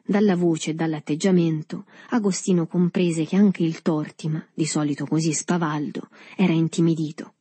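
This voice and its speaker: A woman narrating a novel in a calm, measured audiobook reading. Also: low voice, husky, no echo.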